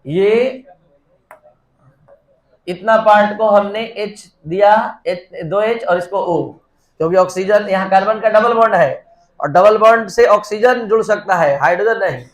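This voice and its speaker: A man's voice: high voice, a little slow. A man teaching a chemistry class, dictating reaction steps one by one and prompting students to answer. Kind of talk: classroom lecture. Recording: echoey classroom.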